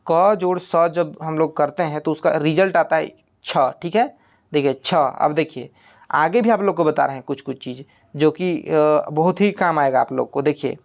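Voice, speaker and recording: Patient teacher. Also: medium pitch. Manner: patient, repetitive, step-by-step explaining with frequent check-ins. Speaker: exam-prep teacher. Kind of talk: recorded online exam-prep lesson.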